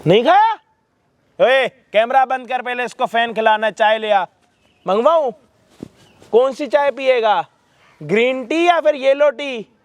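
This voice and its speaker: High-voiced man scolding harshly. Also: a little slow, no echo. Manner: harsh, rebuking, swears freely. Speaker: vlog host confronting a son. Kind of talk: staged confrontation, scolding.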